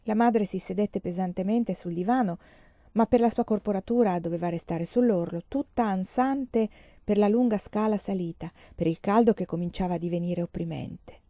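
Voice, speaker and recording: A woman reading a novel aloud as an audiobook narrator, in a measured, expressive way. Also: lowish voice, no room sound, lo-fi sound. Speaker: audiobook reader.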